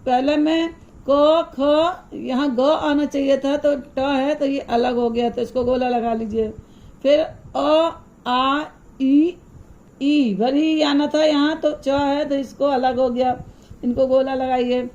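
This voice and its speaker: Lady teacher with a high voice going over a kids lesson, slow and patient, kinda dull lo-fi sound. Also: fairly even intonation, a little mellow. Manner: explains slowly, asks questions and answers them herself. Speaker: primary school Hindi teacher. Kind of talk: recorded classroom lesson.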